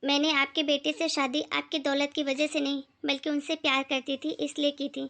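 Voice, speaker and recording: A young daughter-in-law from a poor family defends her dignity in a bright, high cartoon voice that holds steady and flat, as a woman voices her. She is earnest and self-respecting. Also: moderate pace. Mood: firm.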